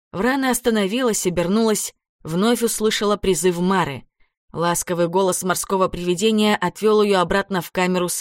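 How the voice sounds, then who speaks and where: A woman reading a children's adventure story aloud as narrator, in a dramatic, expressive way. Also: mid-range voice, dry recording, clean studio sound. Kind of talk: audiobook narration.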